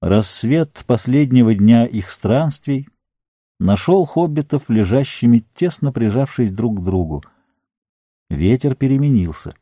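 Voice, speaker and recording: Dark-voiced male audiobook narrator. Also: medium pitch, animated, breathy edge, dry recording, clean studio sound. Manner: measured, slowing on grim passages. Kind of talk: scripted fantasy narration.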